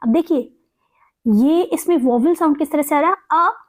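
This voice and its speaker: Woman teacher, high voice, patient step-by-step exam-prep lesson, asks and answers her own questions, drawls example words. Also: normal speed. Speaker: English teacher. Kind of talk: exam-prep lesson, Hindi mixed with English.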